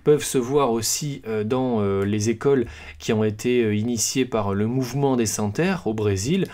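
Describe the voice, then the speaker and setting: A podcast host presents a book casually, talking through its ideas loosely and unscripted with frequent pauses and restarts. He is hesitant and uses many fillers, mixed with self-deprecating humor. His voice is medium in pitch and a little mellow.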